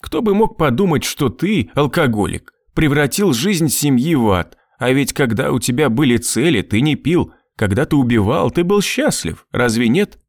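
A man's voice: mid-range voice, big pitch swings, a little slow, few pauses, a little mellow, dry recording, studio quality, pitched above the performer's own voice. A man voicing a mocking, sinister male manipulator in an audiobook, with a sneering, taunting manner.

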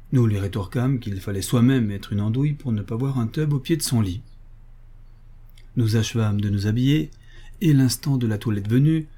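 A man reading a comic novel aloud in a lively, ironic way. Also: medium pitch, slightly rough. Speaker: audiobook reader. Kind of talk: expressive audiobook narration.

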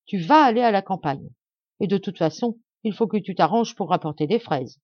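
A woman voicing a cruel stepmother who barks sharp orders and scolds, read from a storybook. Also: mid-range voice, very animated, moderate pace, dry recording, muffled recording. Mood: harsh. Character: cruel harsh stepmother, doting on one daughter.

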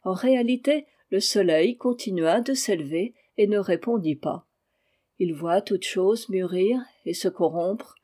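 A woman reading a classic novel aloud in a calm, measured narration. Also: medium pitch. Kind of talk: audiobook narration.

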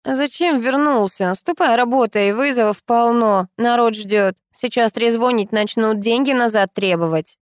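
Woman doing a shrill bossy old agency boss. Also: a little slow, few pauses, dry recording, clean studio sound, close to an everyday voice. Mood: scolding.

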